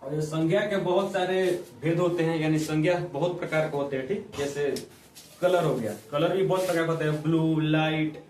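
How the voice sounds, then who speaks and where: A man's voice: fairly high pitch, moderate pace, darkish tone, far from the mic, slight background noise. A man teaching grammar to students, explaining with everyday examples and checking often that they follow. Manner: explains with examples, keeps asking "ठीक?". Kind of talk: classroom Hindi grammar lesson. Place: room with students. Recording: echoey room, voice from off-mic.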